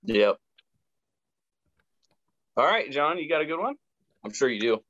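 A man's voice: a little high, very animated, measured pace, a bit bright, no echo. Casual swearing man on a dull line. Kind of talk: casual chat. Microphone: video call.

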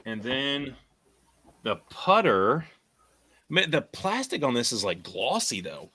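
A young man hosting a casual chat, animated and laughing as he thinks aloud. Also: mid-range voice, slow. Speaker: podcast host reviewing discs.

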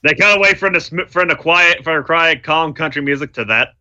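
A man co-hosting a podcast in casual chat, making wry deadpan jokes. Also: fairly high pitch, brisk, a crowd in the background. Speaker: podcast co-host.

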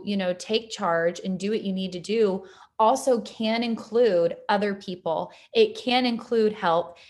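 Female podcast co-host, earnest and encouraging, conversational. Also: mid-range voice. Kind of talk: casual podcast chat.

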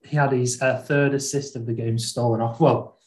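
A man's voice: medium pitch, steady tone, moderate pace. A man hosting a football podcast in a casual, chatty style. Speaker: podcast host.

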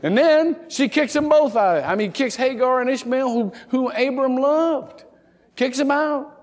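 With a very high-pitched voice and an unhurried pace, a man preaches from the pulpit in a big-room space. His sermon leans on folksy, funny stories, and he quickly mimics the people he describes.

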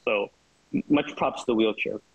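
Wry male podcast panelist in casual chat, husky voice, close dry sound. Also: on the low side, normal speed, no room sound, lo-fi sound.

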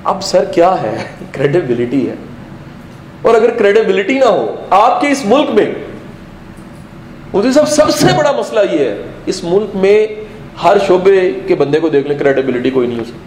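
A man giving an animated motivational lecture to a live audience, full of rhetorical questions and bits of English and Punjabi. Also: high-pitched, moderate pace, roomy sound, slight background noise, low-quality recording. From Pakistan. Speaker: motivational speaker.

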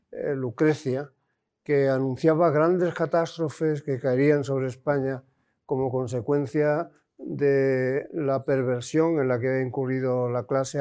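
A man with a mellow, smooth, resonant voice lectures to an audience. He pauses often and restarts phrases as he works through his points. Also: mid-range voice. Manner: hesitant, with frequent fillers and restarts. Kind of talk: academic lecture.

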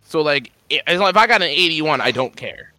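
A young man chatting casually and crudely, telling stories with loud retold arguments. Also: fairly high pitch, lively intonation, a little fast, no echo. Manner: crude, joking, loud when retelling arguments. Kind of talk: casual chat.

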